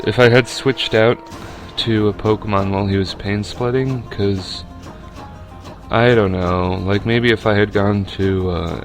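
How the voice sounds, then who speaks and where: A young man with a fairly low voice gives casual, rambling commentary over a video game battle, full of fillers and restarts.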